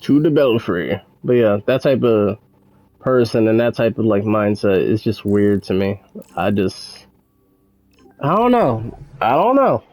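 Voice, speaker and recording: A man's voice: fairly low pitch, big pitch swings, a little slow, darkish tone, no echo. A man giving casual, rambling commentary while gaming, sardonic and full of swearing. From United States. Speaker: gaming channel host.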